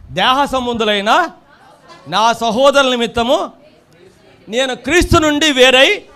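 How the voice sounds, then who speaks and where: A preacher, delivering a sermon. He builds into loud emphatic bursts and repeats his lines for weight. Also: extremely high pitch. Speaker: pastor.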